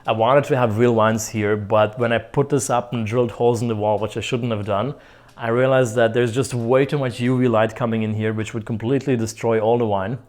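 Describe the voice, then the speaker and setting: A man's voice: mid-range voice, fairly even intonation, brisk, darkish tone. A young man from Croatia, vlogging a casual tour of his apartment, joking and chuckling often. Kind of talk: casual chat. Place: apartment, indoors.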